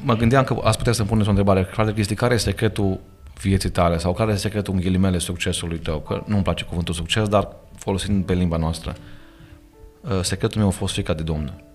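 A pastor with a Romanian accent appears as a guest on a studio podcast, speaking earnestly and emphatically in a preaching manner and quoting scripture. His voice is low and darkish with fairly even intonation, and soft music plays in the background.

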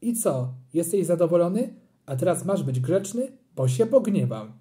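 A reader voicing a harried mother who scolds her son, with shrill, exasperated outbursts. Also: big pitch swings, normal speed, mellow, lightly acted. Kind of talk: audiobook character reading.

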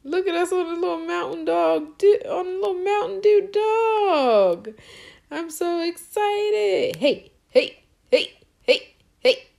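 Young woman doing excited game commentary, gasps and squeals, really high and swoopy. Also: takes it slowly, creaky. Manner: squealing and gasping, coaxing the game aloud. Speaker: gaming channel host.

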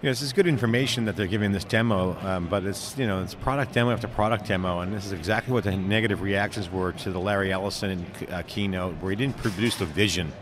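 A man's voice: fairly low pitch, fast talker, few pauses. A middle-aged man hosting live event commentary from a conference booth, casual, joking and blunt. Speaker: tech show host. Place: conference hall studio booth. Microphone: handheld stand mic. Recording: busy crowd noise behind.

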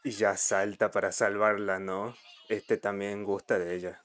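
A twenty-something anime fan gives casual, amused live reactions in short bursts, speaking into a close desk microphone in a small streaming room at home. His voice sits lowish, level, slightly bright and unhurried.

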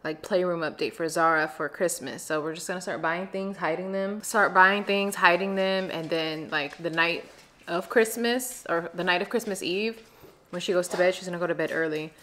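A young woman chatting casually to her viewers in a home vlog, expressive and talkative. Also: fairly low pitch, normal speed. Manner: chatty and expressive, talks straight to viewers as "y'all". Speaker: vlogger. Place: at home, indoors.

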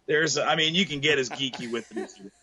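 A man's voice: medium pitch, fairly quick, crowd noise. A middle-aged man explaining surf fishing technique on a video call from a tackle shop, with lots of fillers and restarts. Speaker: guest fishing expert. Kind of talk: casual video-call interview. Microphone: laptop webcam on a video call.

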